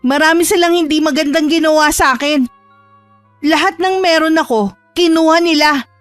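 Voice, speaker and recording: A woman's voice: sits high, moderate pace, dry recording, faint music behind, pitched above the performer's own voice, lightly acted. A woman playing a bitter scheming rival. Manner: sharp, rude, defensive. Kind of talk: radio drama acting.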